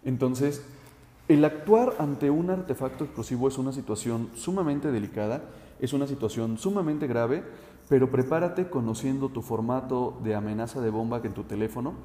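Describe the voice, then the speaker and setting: A man who is a safety instructor, giving a direct, instructive talk to the listener, often pausing on 'eh'. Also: medium pitch, dark tone. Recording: roomy with long reverb.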